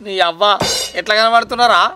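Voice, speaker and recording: Loud, high-voiced young Telangana man. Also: fast talker, clear, resonant tone, soft background music. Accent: Telangana Telugu. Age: young adult. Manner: loud, exasperated, bossy. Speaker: comic lead, newly married husband. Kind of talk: village comedy sketch acting.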